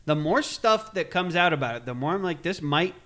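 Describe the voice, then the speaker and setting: A man with a bright, forceful voice pitched a little high leads a relaxed group chat. He sounds eager and talkative, filling pauses with ums. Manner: excited, chatty, with filler ums. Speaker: podcast host. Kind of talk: casual chat.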